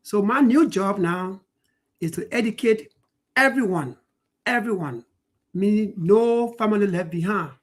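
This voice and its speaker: A man in his forties answering interview questions in an earnest, measured way. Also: high voice. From Liberia. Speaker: guest financial educator.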